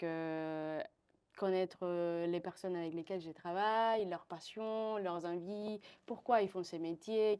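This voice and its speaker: A Venezuelan woman in her twenties, a partnership manager appearing as a guest, answers interview questions with many fillers and restarts. Her voice is on the low side, warm and clean.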